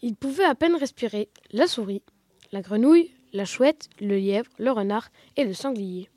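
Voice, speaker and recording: A woman reads a children's tale aloud with expressive, lively storytelling. Her voice sits fairly high, and the recording is close and dry with no room echo. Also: moderate pace. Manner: expressive, lively read-aloud with rising excitement.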